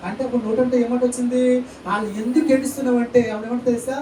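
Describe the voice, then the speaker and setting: The preacher here is a man with an extremely high-pitched, darkish voice who speaks very fast and flatly, filling his church sermon with rhetorical questions, amens, and hallelujahs. A distant mic records him in an echoey church hall, with faint ambience and a little hiss or hum.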